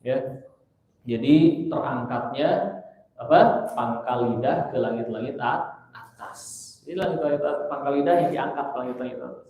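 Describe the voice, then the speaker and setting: A man's voice: medium pitch, normal speed, pauses often, a little mellow. A middle-aged man teaching Quran pronunciation, patiently repeating letter sounds to demonstrate them. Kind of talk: tajwid lesson with spoken demonstrations. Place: large mosque hall. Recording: very echoey mosque hall.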